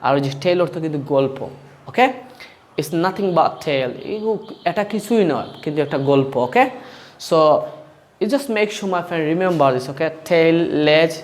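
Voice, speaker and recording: A man with a Bangladeshi accent giving a casual video lesson as an English teacher. He switches between two languages mid-sentence, keeps asking "okay?", calls the listener "my friend", and slowly repeats each word pair. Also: a little high, expressive.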